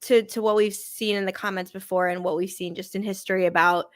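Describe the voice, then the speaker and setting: A woman's voice: medium pitch, steady tone, fairly quick, no echo. A woman, hosting a casual live sports stream, upbeat and chatty, full of "you know" and "like". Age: 20s. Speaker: sports show host.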